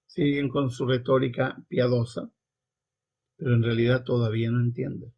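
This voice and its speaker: A man's voice: medium pitch, level tone, lo-fi sound. A man preaching a sermon, reading scripture aloud and commenting on it emphatically, with scolding repetition. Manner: reads quoted lines slowly and deliberately. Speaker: preacher and Bible teacher.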